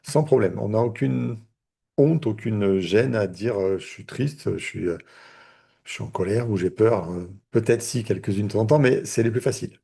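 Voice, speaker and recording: A man's voice: on the low side, moderate pace, gravelly, dark tone, slightly rough. A man, a therapist, teaching a live online lesson in a conversational way, with many fillers and restarts. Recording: video call audio.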